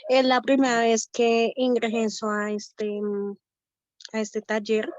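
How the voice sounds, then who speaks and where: A woman with a Colombian accent, a workshop participant speaking on a video call, loud and a little hesitant. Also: a little high, monotone, takes it slowly, no echo. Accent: Colombian Spanish. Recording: dull, dry video call audio.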